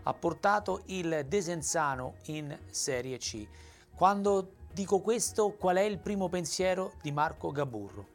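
A man hosting a football show, introducing his guest and asking questions in a lively, emphatic way. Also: on the high side, unhurried, soft background music. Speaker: sports show host. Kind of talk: interview.

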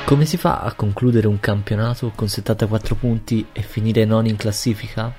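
A man narrating a scripted sports history podcast in measured, written-out sentences. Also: on the low side, fairly even intonation, darkish tone. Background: faint music.

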